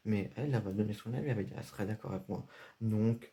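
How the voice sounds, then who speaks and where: A man's voice: on the low side, rapid-fire, dark tone, close to an everyday voice. A man playing a strict scolding dad. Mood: stern. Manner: stressed, scolding, repeats himself. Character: strict worried father scolding his son. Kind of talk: homemade comedy sketch.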